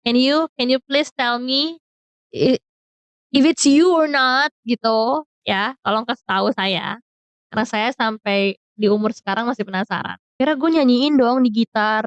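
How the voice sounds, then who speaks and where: A woman's voice: a little high, moderate pace, clean tone, no echo, muffled recording. A young woman telling a storytime in casual, slang-heavy chat, mixing English words in. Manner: chatty, mixes English into slang-heavy Jakarta speech. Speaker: vlogger.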